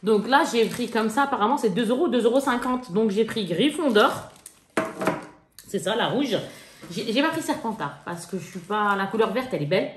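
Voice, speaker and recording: A chatty young woman talks straight to her viewers while she shows off things she bought, slangy and quick to laugh. Her voice sits fairly high. The room around her rings with echo. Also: lively intonation, a little hiss or hum. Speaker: haul vlogger. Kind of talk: casual chat showing purchases. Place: indoors at home. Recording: echoey room.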